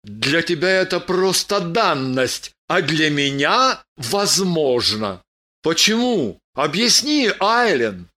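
A woman's voice: deep voice, very animated, slow, bright, forceful tone, heavily acted. Woman voicing a gloomy young warrior. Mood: sullen. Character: bitter young warrior man, gloomy and confused.

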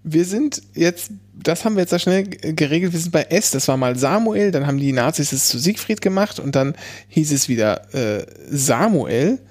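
A man's voice: a little high, expressive, moderate pace, darkish tone. A man chatting casually as a podcast host, hesitant and often restarting his phrases. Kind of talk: casual chat.

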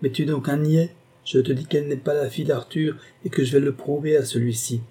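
A man reading aloud puts on a fast-talking, scornful old uncle for an audiobook. The figure's voice sits higher than the narrator's and keeps a husky edge. It rattles off its jibes with mocking insistence. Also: fairly even intonation, dark tone. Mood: scornful, pushy. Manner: voluble, mocking. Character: scheming older uncle, voluble and scornful.

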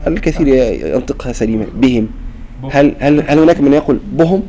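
A man's voice: mid-range voice, fast, mellow, a little hiss or hum, rough recording. A man teaching a class on Quran recitation rules, explaining and demonstrating pronunciations and often checking with the students. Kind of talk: classroom lesson on tajweed.

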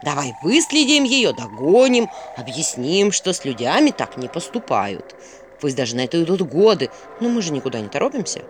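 A woman's voice: low-pitched, very animated, fairly quick, a little hiss or hum. A woman voicing a sarcastic, grumbling male owl who mocks his companion in a dry tone. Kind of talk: audiobook character voice.

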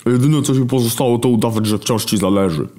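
A man voicing Famine, a shrewd, crude male horseman with a sharp, accusing delivery. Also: medium pitch, fast, pitched above the performer's own voice, natural voice.

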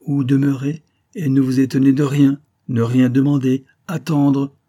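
A man voicing a soft mysterious young woman. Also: mid-range voice, level tone, a little slow, pitched above the performer's own voice, close to an everyday voice. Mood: sad. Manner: soft, sad and commanding. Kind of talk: audiobook reading.

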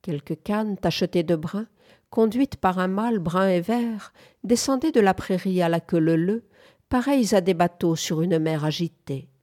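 A woman narrating a literary audiobook in a calm, measured way. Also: lowish voice. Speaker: audiobook reader.

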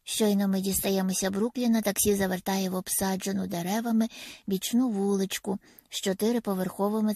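A woman narrating a first-person audiobook in a soft, intimate manner that often drops to a half-whisper. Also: medium pitch, breathy edge, no room sound.

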